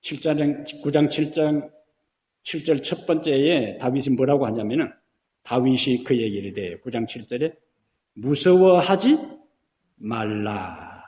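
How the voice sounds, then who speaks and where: A man's voice: medium pitch, moderate pace, mellow. A middle-aged male pastor preaching a sermon in a church, asking the congregation questions and building to emphatic peaks. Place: church sanctuary. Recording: echoey church hall.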